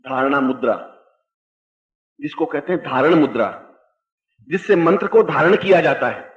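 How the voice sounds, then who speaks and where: A man's voice: on the high side, expressive. Older man teaching in an echoey hall. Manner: explanatory, drawn-out emphatic delivery with chanted Sanskrit verses. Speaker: spiritual teacher. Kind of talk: spiritual discourse. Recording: dull echoey old hall recording.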